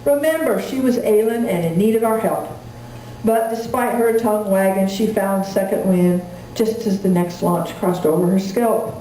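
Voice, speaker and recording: A woman recites cowboy poetry to a live audience in a folksy, storytelling way, in rhymed and measured verse. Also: mid-range voice, dark tone. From rural Wyoming, United States. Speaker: cowboy poet. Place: indoor room at a live gathering. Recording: echoey room, distant mic, faint noise.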